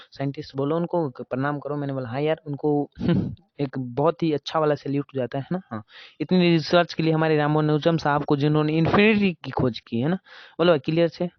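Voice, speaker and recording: A man's voice: fairly high pitch, dry recording, highs cut off. A man teaching a math class in a casual, chatty way, asking questions and answering them himself. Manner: chatty, asks and answers his own questions.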